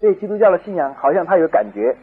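Animated male preacher telling a story. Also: high voice, fast talker, husky, narrow, tinny audio. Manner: animated, acts out dialogue, laughs at own story. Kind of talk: sermon storytelling.

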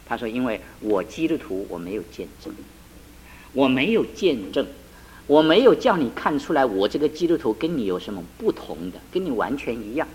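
A man's voice: mid-range voice, very animated, a little fast, few pauses, darkish tone, a little hiss or hum, low-quality recording. A man preaching a sermon, retelling a couple's conversation and building to emphatic climaxes. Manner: retells the couple's dialogue with shifting tones, rising to emphatic climaxes. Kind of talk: sermon with a told story.

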